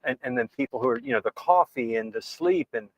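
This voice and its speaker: A man's voice: medium pitch, huge pitch swings, brisk, gravelly. A man hosting a casual chat, earnestly agreeing with his guest and building on the points. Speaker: host. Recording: dry, dull lo-fi sound.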